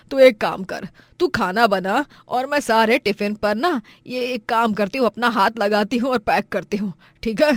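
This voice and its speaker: A woman's voice: on the high side, dry recording. Woman playing an elderly pleading mother-in-law. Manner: pleading, stammering when frightened.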